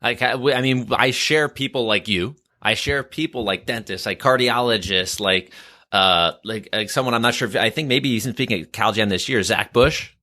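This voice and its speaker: A man's voice: mid-range voice, normal speed, sharp tone, no room sound, clean studio sound. A man hosting a podcast in casual chat, agreeable and searching for his words. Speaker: podcast host.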